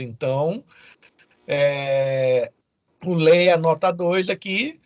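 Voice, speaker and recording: A Brazilian programming teacher gives an informal, didactic lecture, frequently checking in with his students through short questions. His voice sits high, and the audio is dull with no room sound.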